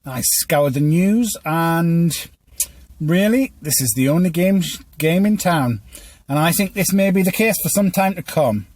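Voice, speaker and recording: A man with a notably high voice presents news commentary in a dry, close recording. He reads from a script like an inexperienced teleprompter reader, slightly stilted and stumbling now and then. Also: animated, unhurried, a little mellow, no echo. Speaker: podcast host.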